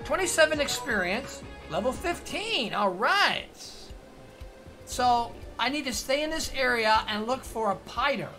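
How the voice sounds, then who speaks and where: A woman's voice: a little high, lively intonation, a little slow. A woman streaming a video game, thinking aloud and asking herself questions as she plays. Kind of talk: casual gameplay commentary. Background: faint game music.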